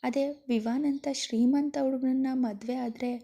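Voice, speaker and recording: A woman's voice: sits high, steady tone, normal speed, dark tone, lo-fi sound. A woman voicing a hurt, tearful young woman speaking in an upset, pleading way.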